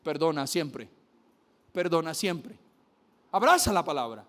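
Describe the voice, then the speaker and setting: A man's voice: fairly high pitch, lively intonation, unhurried, fairly bright tone. A man preaching a sermon, emphatic, repeating key phrases and speaking straight to his listeners.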